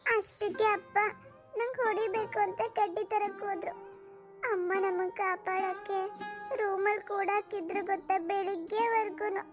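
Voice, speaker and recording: Sad cartoon schoolgirl: soft, plaintive, extremely high. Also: level tone, a little slow, over loud music. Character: sad little schoolgirl with troubled home. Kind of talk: cartoon voice acting.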